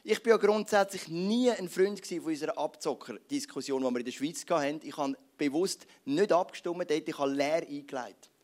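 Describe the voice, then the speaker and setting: A middle-aged man with a Swiss German accent delivers a sermon in a loose, conversational way. He keeps asking the listener rhetorical questions and tells stories with animation, and his voice sits a little higher than most men's. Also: fairly quick. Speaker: pastor.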